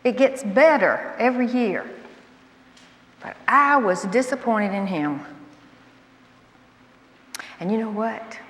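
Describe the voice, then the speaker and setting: A woman in her sixties from Alabama with a Southern American accent, telling personal stories in a folksy, animated way as a Bible teacher. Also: a little high, slow pace, long pauses. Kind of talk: storytelling talk. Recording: echoey hall with long reverb.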